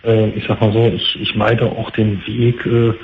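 A man in his thirties calling a talk show, giving a halting personal account over an unclean phone line. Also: lowish voice, flat delivery, gravelly. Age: 30s. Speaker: phone-in caller. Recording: unclean tinny phone line, faint noise.

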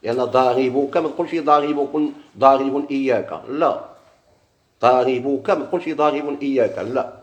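A man with a Moroccan Arabic accent teaches a grammar lesson in a classroom, speaking fairly quickly in a mid-range voice. He puts questions to his students and then answers them himself. The room is echoey.

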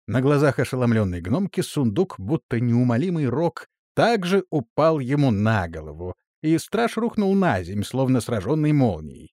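A man narrating a fantasy storybook in an animated, dramatic manner. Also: mid-range voice, moderate pace, hardly any pauses, dry recording, studio quality. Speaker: audiobook narrator.

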